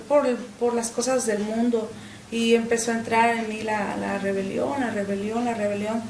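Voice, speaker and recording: A middle-aged woman, giving an earnest personal faith testimony in an interview, often pausing on "este" and repeating words. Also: mid-range voice, reverberant, a little hiss or hum, rough recording. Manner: earnest, with frequent "este" fillers and repetitions. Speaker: interview guest.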